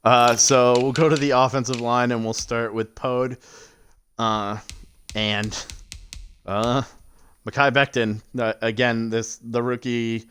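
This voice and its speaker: Slow, smooth-voiced man chatting on stream. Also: mid-range voice. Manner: relaxed, filler-heavy, laughs easily. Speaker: league show co-host. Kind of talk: casual live-stream chat about a sports sim league.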